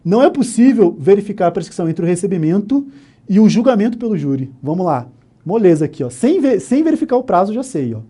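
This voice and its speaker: Mellow-voiced Brazilian law lecturer. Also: male voice, high voice, big pitch swings, quick pace, husky. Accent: Brazilian Portuguese. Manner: explains step by step, often asking "né?", "ok?", "tá?". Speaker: law instructor. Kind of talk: exam-prep lecture. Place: online course studio.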